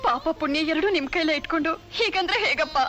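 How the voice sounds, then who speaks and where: A woman's voice: sits high, quick pace, pushed and bright. An actress playing a grieving daughter who pleads with her father in a reproachful, tearful voice. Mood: pleading. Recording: film soundtrack with music under. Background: film score music.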